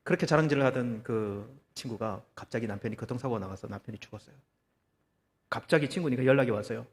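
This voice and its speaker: A man preaching a sermon as pastor, telling a story with lively, acted-out quotes and rhetorical questions to the congregation. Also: mid-range voice, quick pace, big-room sound. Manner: animated storytelling, acting out quoted voices. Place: church.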